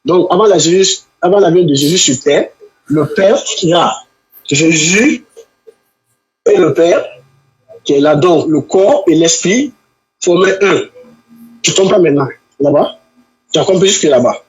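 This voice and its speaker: Husky high-voiced man on a dull line. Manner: pleading to be heard, explains slowly. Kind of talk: heated live debate.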